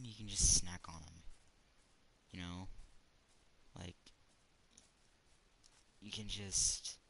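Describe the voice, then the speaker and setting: A man with a very low voice that still sounds bright and crisp, talking slowly through his gameplay. He mutters dry, wry asides to himself as he plays. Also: a little hiss or hum. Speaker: let's play gamer. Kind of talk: casual gameplay commentary.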